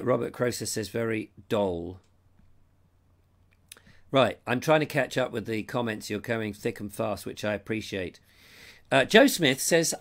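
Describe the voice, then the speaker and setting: A middle-aged English man hosts a live stream, chatting, rambling and reading viewer comments out loud. His voice, medium in pitch, is strained by a cold and fading as he loses it. He's recorded with a lapel mic.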